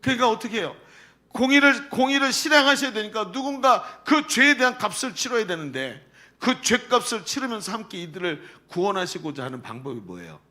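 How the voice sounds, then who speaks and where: A man's voice: high-pitched, brisk. A male pastor preaching a sermon to a young congregation, acting out prayers and asking the listeners questions. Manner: animated, acts out quoted prayers and rhetorical questions. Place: church sanctuary.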